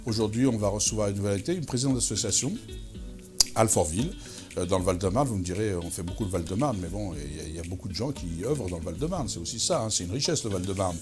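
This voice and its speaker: A man hosting an interview show, chatty and quick, often repeating words. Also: lowish voice, animated, over music. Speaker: show host. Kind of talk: casual interview conversation.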